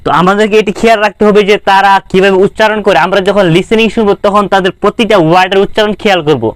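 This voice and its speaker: A man's voice: sits high, no echo. A young man with a Bangladeshi Bengali accent giving an informal spoken-English lesson, earnestly repeating and restarting his phrases as he encourages viewers. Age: young adult. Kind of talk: informal lesson talk to camera.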